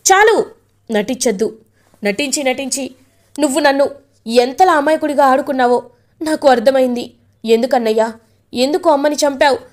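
Woman acting out a young man in a rage, pitched high and loud, all heat. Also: moderate pace, pauses often, natural voice. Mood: bitter. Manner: shouting, agitated. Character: angry young man confronting his brother.

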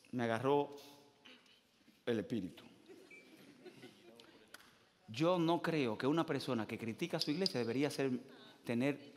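A man pastor, preaching a lively, joking sermon that swings from loud to hushed. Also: mid-range voice. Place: church hall. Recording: long hall reverb.

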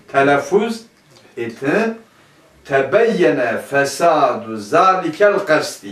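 A man's voice: a little high, fairly bright tone. A man teaching a grammar lesson, asking his class questions and answering them himself. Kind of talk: classroom lecture. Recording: echoey room, mic at a distance.

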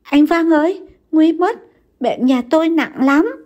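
A woman voicing an anxious young wife, speaking in a pleading, panicky higher voice. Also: animated, measured pace, darkish tone, husky, lo-fi sound. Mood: panicked.

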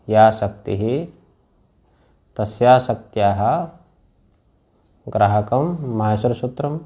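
A middle-aged man lecturing on Sanskrit grammar in a classroom. He talks in a slow, mellow, low voice, repeating each rule several times and checking that his students are following. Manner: slow and repetitive, drills phrases and checks understanding.

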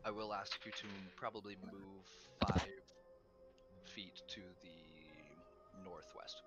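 A man's voice: deep voice, slow pace, over music. A man running a tabletop game as game master, narrating casually with many ums and the odd swear.

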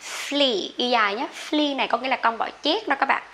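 A woman's voice: high voice, fast talker, pushed and bright. A woman with a Vietnamese accent teaching English vocabulary, chatting with viewers and repeating each word for them to drill. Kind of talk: vocabulary lesson.

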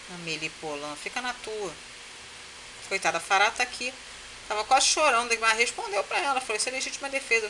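A woman's voice: mid-range voice, bright, forceful tone, slight background noise, rough recording. Gossipy woman recapping a soap opera. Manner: chatty and gossipy, calls viewers "gente", mocks characters. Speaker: series reviewer and host. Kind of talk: casual recap commentary over a soap opera.

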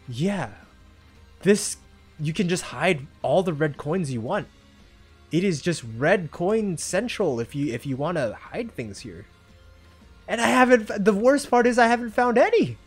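A gamer giving excitable let's-play commentary, reacting aloud and talking to themself, with faint game music behind. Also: mid-range voice. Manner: excitable, reacts loudly with exclamations and self-talk. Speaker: gamer playing a Roblox obstacle game.

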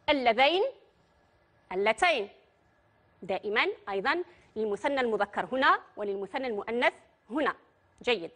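A woman with an Algerian accent teaching a primary school grammar lesson, patient and putting questions to her pupils. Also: on the high side. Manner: patient, addresses pupils directly and asks them questions. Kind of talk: Arabic grammar lesson for children.

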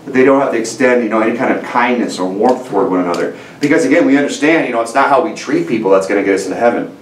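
A man in his thirties preaching a sermon at a lectern, earnest and conversational, with many restarts and "you know"s. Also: mid-range voice. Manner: stands at a lectern gesturing with both hands. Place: church sanctuary, indoors, medium room. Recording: roomy church audio from a distance.

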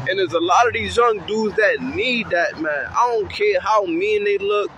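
A community outreach speaker talks casually and from the heart to the camera about mentoring kids, standing on a city street with faint traffic noise around him. His voice sits high and sounds bright and forceful, moving at a moderate pace. He's heartfelt and slangy, and he acts out the kids' voices.

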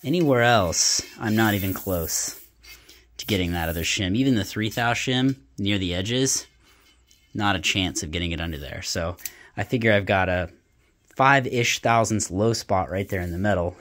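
In a small home workshop, a hobbyist welder casually thinks aloud while demonstrating a hands-on test, using plenty of fillers. His voice is fairly low and fairly bright, at normal speed. It's shot point-of-view on a body-worn camera.

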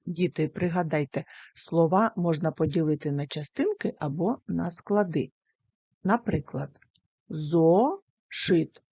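A woman primary school teacher records a lesson for young children, carefully pacing her words and sounding them out syllable by syllable. She has a low, warm voice, and no room sound is audible.

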